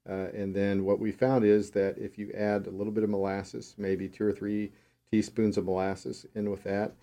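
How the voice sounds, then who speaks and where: A man co-hosting a radio call-in style show, talking in a relaxed, unhurried chat. His voice sits fairly low and sounds dark and mellow. He chuckles easily and explains things at length. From Texas.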